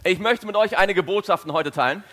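A man's voice: high-pitched, fast talker, fairly bright tone. A man interpreting a sermon phrase by phrase. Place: large reverberant hall. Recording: long hall reverb.

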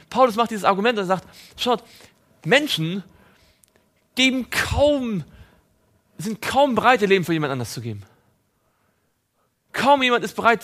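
Man, slightly high voice, preaching, emphatic then hushed, reads scripture, personal address to listeners. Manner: emphatic, swings between raised and hushed delivery; reads scripture aloud within the sermon. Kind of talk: sermon.

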